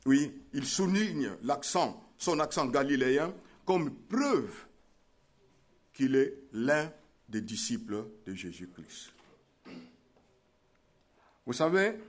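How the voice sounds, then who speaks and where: A man's voice: mid-range voice, very animated, slow pace, long pauses. A man preaching a sermon, emphatic and repeating his key phrases.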